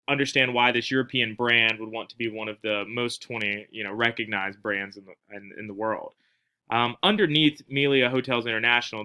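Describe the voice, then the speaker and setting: A man's voice: medium pitch, pushed and bright, smooth. A man giving a casual recorded class presentation, with frequent fillers and restarts. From not from Spain. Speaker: student presenter.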